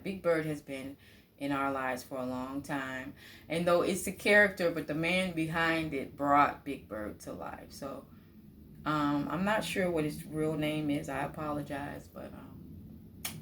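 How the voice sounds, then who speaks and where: A woman casually telling a personal childhood story to her viewers, chatty and lively, laughing often and acting out the voices of people in it. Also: sits low, a little slow, slight background noise. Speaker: vlogger.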